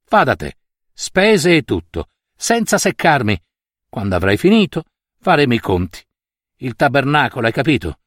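A scornful old landowner barks orders and mocks his listener, as a male reader puts him on. The voice rises and falls in lively swings, recorded dry and close for a storybook reading. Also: medium pitch, normal speed, dry recording. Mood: businesslike. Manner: mocking, commanding, brusque.

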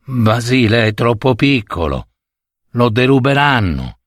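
A man reading a story aloud, voicing a grumpy old farm master who gruffly scolds his servant. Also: mid-range voice, very animated, measured pace, no room sound, studio quality. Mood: commanding.

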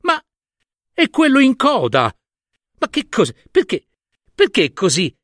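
A man voicing a crowd of mocking barnyard ducks and hens in a storybook reading, squealing and very high. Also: huge pitch swings, a little slow, a bit bright, dry recording, studio quality, exaggerated voice. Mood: jeering.

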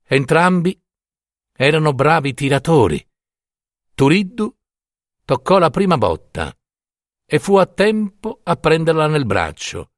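A man's voice: mid-range voice, no echo, clean studio sound. A man narrating a classic short story in a dramatic, theatrical reading.

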